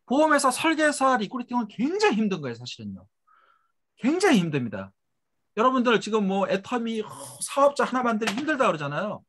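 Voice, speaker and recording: A middle-aged man giving a motivational seminar lecture for a network marketing business, talking emphatically with rhetorical questions and letting tag phrases trail off low and quiet.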